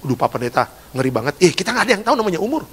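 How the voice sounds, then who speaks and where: Casting: jokey male pastor, slightly high voice, echoing church hall. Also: big pitch swings, very fast, husky. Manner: jokey, swings from hushed asides to loud exhortation. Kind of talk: lively sermon.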